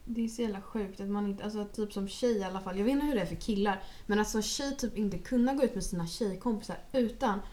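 A woman's voice: mid-range voice, hardly any pauses. A young woman, chatting casually and bluntly, telling stories with plenty of swearing. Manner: blunt, animated storytelling, swears freely. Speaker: podcast co-host. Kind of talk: casual chat.

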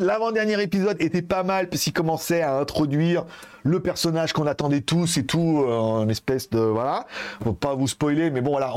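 Male host, fairly high voice, casual rambling commentary full of fillers. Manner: rambling, lots of hesitations and fillers, swearing, laughs often. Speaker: tech news show host. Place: at home in Asia.

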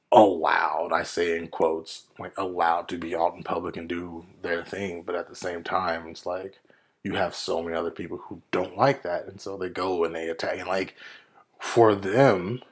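A man from the United States in a casual movie discussion, talking in an animated way and acting out reactions. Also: low voice. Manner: animated, acts out reactions in quoted voices.

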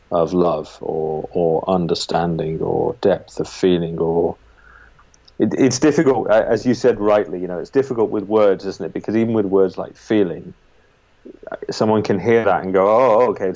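A man's voice: sits low, dark tone. A British man interviewing in a casual, conversational way, circling tentatively as he forms his thoughts and questions. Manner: tentative, circling repetitions while forming questions. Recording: dull, band-limited sound.

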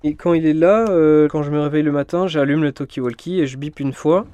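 A man's voice: fairly high pitch, brisk, dry recording. Hesitant young man in his twenties. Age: 20s. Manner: relaxed, hesitant, frequent fillers and restarts. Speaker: forest cabin dweller. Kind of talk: casual documentary interview. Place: in a forest cabin.

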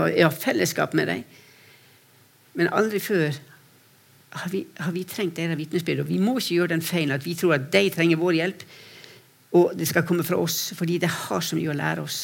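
A man with a high, gravelly voice preaches for a mission to persecuted Christians, weaving personal stories into his sermon. He is earnest, repeats words whenever he restarts, and moves between a soft voice and a raised one.

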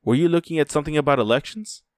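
A man voicing a restless, chatty eight-year-old girl in a high piping voice. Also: racing, no room sound, clean studio sound, natural voice. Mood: curious.

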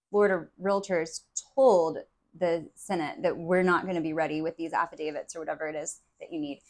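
A woman co-hosting a podcast, talking in a chatty way with frequent ums. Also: lowish voice. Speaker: podcast co-host. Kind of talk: casual podcast chat.

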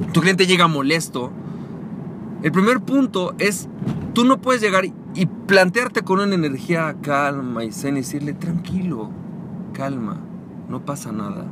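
A man hosting a podcast, coaching listeners on sales and acting out short dialogues in a calmer, lower voice. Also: noisy background. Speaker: podcast host. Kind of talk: motivational sales talk.

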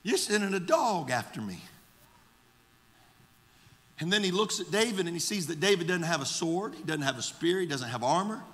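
A male pastor preaching a sermon with fervor, moving between shouted exhortation and quiet storytelling. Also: fairly high pitch, quick pace, few pauses, long reverb tail. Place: church sanctuary.

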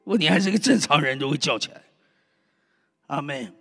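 In a reverberant hall with faint music, a male preacher delivers an emphatic, fervent sermon, exclaiming and calling out to the congregation. His pitch is fairly high and expressive, his pace brisk, and his slightly bright voice carries vocal fry.

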